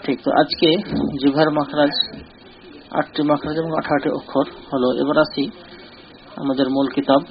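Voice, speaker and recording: A man giving a recorded lesson, explaining step by step in a slow, deliberate way and repeating short drilled syllables over and over. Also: a little high, level tone, a crowd in the background. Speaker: teacher. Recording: dull lo-fi recording.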